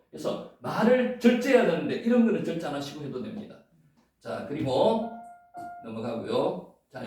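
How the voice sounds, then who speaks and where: High-voiced male lecturer, lively pitch, booming echo, mic distant, playful and repetitive teaching. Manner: playful, repeats words, sometimes chants. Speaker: Bible Hebrew lecturer. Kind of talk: classroom lecture. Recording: echoey room, mic far off.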